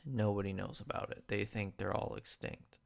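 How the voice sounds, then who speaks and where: A man's voice: fairly low pitch, steady tone, normal speed, vocal fry. A young man hosting a radio show, giving a loose, rambling film review with lots of "like" and stumbles, talking with a retainer in. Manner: loose and rambling, fills with "like" and stumbles over words. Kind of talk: casual spoken film review. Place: radio studio.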